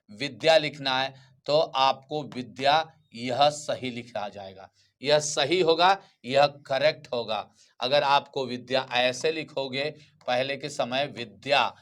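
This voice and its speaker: A man's voice: medium pitch, a bit bright. A male teacher giving a grammar lecture, who keeps repeating key terms and asking his students questions before answering them himself.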